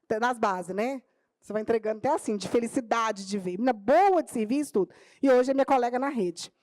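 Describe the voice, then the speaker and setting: A middle-aged Brazilian woman from Minas Gerais speaks on a panel as a teacher and tells her story with lively energy, acting out the voices of the people in it. Her voice sits high, and the sound is dry and close, with little room echo. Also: fast talker. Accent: Brazilian Portuguese, Minas Gerais. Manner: animated storyteller, acting out dialogue in her own telling. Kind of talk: storytelling talk at a public panel. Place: auditorium or conference room.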